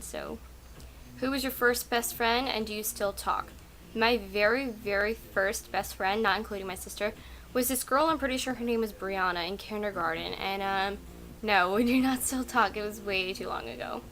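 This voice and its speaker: This is a home vlog recorded at night: a young adult woman who speaks Russian natively rambles chattily through tag questions, leaning on "like" and "um." Her voice sits at medium pitch and is a bit bright, and the low-quality recording carries a little hiss or hum.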